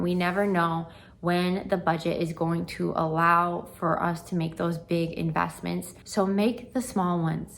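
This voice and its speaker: A woman's voice: lowish voice, vocal fry. A young adult woman chatting through a home makeover reveal in a gushing, enthusiastic way, stressing and stretching key words. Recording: music behind the voice. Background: background music.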